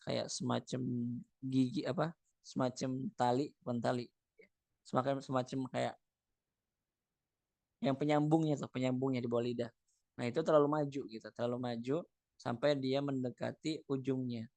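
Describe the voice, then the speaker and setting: A man, teaching Quran recitation, reads Arabic phrases and then explains them in a relaxed, chatty way with many fillers. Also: medium pitch, normal speed, gravelly, long pauses, no room sound. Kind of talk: explaining a text line by line.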